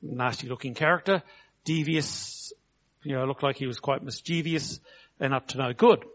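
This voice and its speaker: A new man is preaching, a New Zealander with a medium-pitched, fairly bright voice. His sermon is conversational; he slows for emphasis and acts out quotes. The recording is dull and lo-fi.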